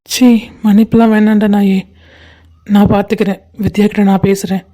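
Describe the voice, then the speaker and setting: A woman's voice: high voice, steady tone, moderate pace, mellow, lightly acted. A woman voicing a loyal young man in a cartoon, consoling his best friend and scolding him with affection. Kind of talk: cartoon voice acting.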